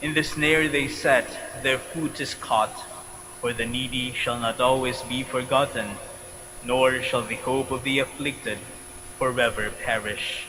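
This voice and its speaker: A man's voice: medium pitch, steady tone, a little slow. Man reading psalms in a noisy, reverberant church. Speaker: lector at a church service. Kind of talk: liturgical psalm and verse reading. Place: large church during a service.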